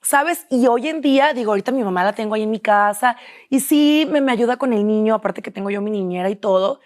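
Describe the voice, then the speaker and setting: Young Mexican woman, candid and fairly high. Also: quick pace. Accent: Mexican Spanish. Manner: confessional, quotes herself and others often. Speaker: interview guest. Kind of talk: candid personal interview.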